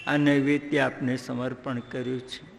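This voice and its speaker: A man's voice: medium pitch, level tone, normal speed, vocal fry, in a large hall. A man telling a devotional story in a dramatic way, breaking into sung chants. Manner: dramatic, chants verses in song. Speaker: religious storyteller.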